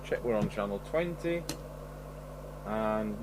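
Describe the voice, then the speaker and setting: Working at an indoor radio repair bench, a UK vlogger talks through a hands-on demonstration in a plain, thinking-aloud way. He speaks slowly in a lowish voice, and the noisy audio carries a constant hum.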